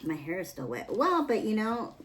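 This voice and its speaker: A woman's voice: medium pitch, very animated, moderate pace, fairly bright tone, slight background noise. A young adult woman giving a casual, rambling tarot reading, full of fillers and asides. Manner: rambling, chatty, with many fillers. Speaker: tarot reader.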